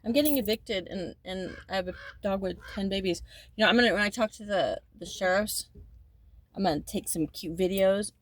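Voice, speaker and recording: Here a woman in her fifties rambles casually in a monologue, often repeating and restarting sentences and sometimes growing emphatic and indignant. Her voice is mid-range and brisk, with no room sound.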